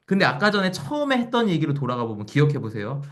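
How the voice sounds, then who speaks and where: Male lecturer, 40s, fairly high voice with a very lively pitch; talks to a live room, questions the audience, acts out quotes. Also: fast.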